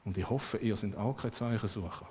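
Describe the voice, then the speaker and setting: Emphatic preacher. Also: male voice, lowish voice, fairly quick. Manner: lively, emphatic, with sudden swings in loudness. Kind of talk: sermon.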